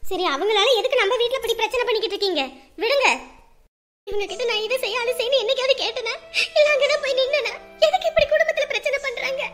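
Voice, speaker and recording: A woman's voice: very high-pitched, fast, fairly bright tone, faint music behind. A woman playing a distraught middle-aged mother who talks in a tearful, pleading way in a family drama. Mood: indignant.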